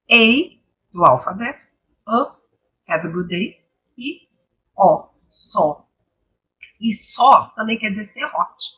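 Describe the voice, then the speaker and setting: A woman from Brazil teaching English online, mixing in Bible reflections, explaining patiently and asking her class rhetorical questions, her voice a little hoarse. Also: mid-range voice, pushed and bright, poor audio. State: slightly hoarse, coughing. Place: home, live stream.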